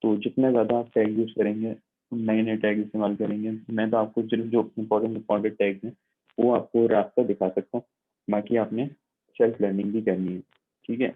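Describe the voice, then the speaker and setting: A man with a low, husky voice leads an online computing lab. He explains patiently and repeats his points, checking in with his class as he shows each step on screen. The sound is thin and tinny, like a phone line. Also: flat delivery, fairly quick. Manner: patient, repetitive explaining with frequent check-ins.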